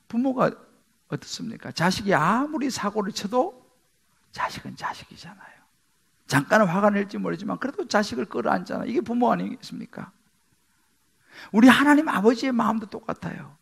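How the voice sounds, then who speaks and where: A male pastor preaching a sermon emphatically, swinging between loud rises and hushed near-whispers. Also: high-pitched, creaky, breathy edge. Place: church sanctuary.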